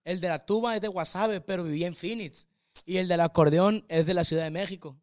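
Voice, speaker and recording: A young man from Mazatlán, Mexico, guests on a podcast, chatting casually in a thick northwestern Sinaloan accent. His fairly high voice races along in hyperactive, energetic rambling. The audio is dry and close, with no room sound or echo.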